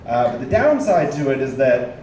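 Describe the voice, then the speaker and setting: A man's voice: medium pitch, very animated, moderate pace, darkish tone, reverberant, recorded from a distance, a little hiss or hum, poor audio. Rambling young man doing stand-up. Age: 20s. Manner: casual, rambling with many fillers. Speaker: stand-up comedian. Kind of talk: stand-up comedy set. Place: comedy club stage, audience laughing.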